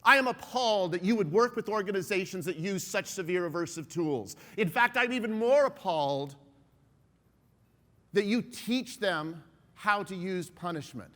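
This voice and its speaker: A man's voice: high-pitched, animated, moderate pace, sharp tone. A man quoting an indignant woman who accuses and scolds, in his own voice with a bit more force. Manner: accusing, appalled. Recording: long hall reverb.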